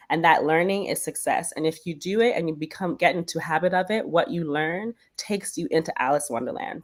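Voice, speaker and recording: This deep-voiced woman from Bermuda, now based in New York, is a Broadway performer appearing as a guest in a casual interview. She speaks with a Bermudian accent, sounds lively, and frequently reaches for words using fillers.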